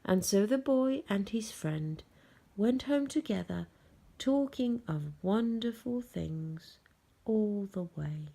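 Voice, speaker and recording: Husky woman reading a bedtime story. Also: mid-range voice, expressive, takes it slowly, warm tone. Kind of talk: bedtime story read aloud for children.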